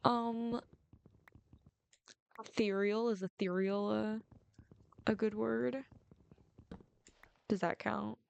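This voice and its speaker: A young adult woman who studies film rambles casually while playing a game, leaning heavily on "like" as a filler. Her medium-pitched voice is gravelly and a little mellow, and the sound is clean.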